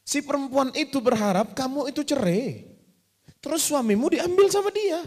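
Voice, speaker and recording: A man's voice: very high voice, lively intonation, normal speed, darkish tone, in a large hall. A man preaching as an ustadz in a religious question-and-answer session, putting direct rhetorical questions to his congregation.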